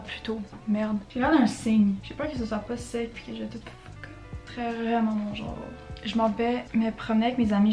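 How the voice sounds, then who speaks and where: Roomy-sounding young Québécoise chatting casually. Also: female voice, a little high, darkish tone. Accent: Quebec French. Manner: chatty, mixes in English slang and swears. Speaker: beauty vlogger. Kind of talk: casual get-ready-with-me chat. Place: at home in front of a mirror. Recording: roomy echo, faint music.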